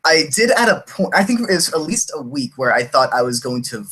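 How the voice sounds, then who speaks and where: A man's voice: a little high, sing-song, a little fast, bright, forceful tone, slightly rough. A man who voices cartoon characters, talking casually and laughing often, restarting sentences as he rambles. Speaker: voice actor. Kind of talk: casual podcast chat.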